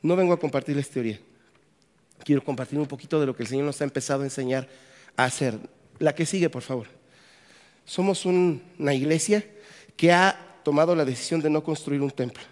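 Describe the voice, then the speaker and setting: A man's voice: fairly high pitch, brisk, long pauses. A Mexican man, a pastor, giving a conference sermon with a Mexican Spanish accent, joking and asking the audience questions. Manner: jokey, asks the audience questions. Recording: long hall reverb.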